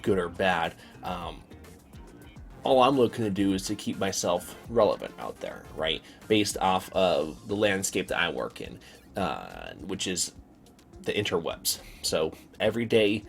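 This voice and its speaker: A young man rambles through a casual vlog, his voice sitting on the low side. He circles back on words and leans on fillers as he talks. Faint music plays quietly behind him. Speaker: vlogger.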